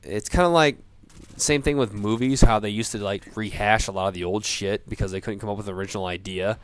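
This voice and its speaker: A man in a profane off-the-cuff gamer rant, sounding drunk, rambling haltingly and repeating himself. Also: fairly low pitch, smooth, dry recording. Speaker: gamer ranting about video games.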